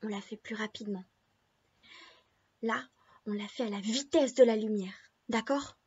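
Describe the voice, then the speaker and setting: A woman's voice: fairly high pitch, a little mellow. A woman teacher singing a nursery rhyme and encouraging young children to sing along with her. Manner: sings slowly and clearly, encouraging children to join in. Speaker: preschool teacher. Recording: dull lo-fi recording.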